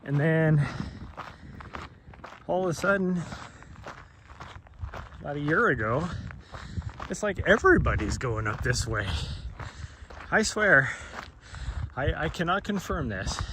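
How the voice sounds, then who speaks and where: Out on a trail, a man who vlogs about trail running talks in a slightly high, animated voice, taking his time with long pauses. His rambling chat is full of laughter, and smoke has left his throat scratchy. Outdoor noise fills the recording.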